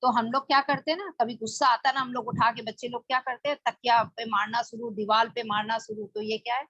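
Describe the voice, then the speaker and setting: A woman's voice: a little high, fairly even intonation, quick pace, fairly bright tone, dry recording. A woman leading a spoken book study, explaining plainly with rhetorical questions. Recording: dull lo-fi dry recording.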